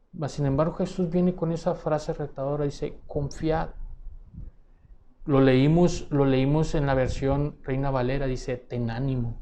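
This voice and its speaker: Earnest male pastor, higher voice. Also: mellow. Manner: earnest, repeats words while searching for phrasing. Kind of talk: sermon.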